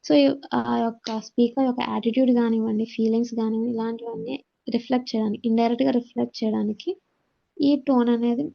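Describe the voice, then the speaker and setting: A woman with a Telugu accent teaches communication skills, reading points off slides and then explaining them. Her voice is fairly high, level and fast, with vocal fry, and the recording sounds dull and lo-fi.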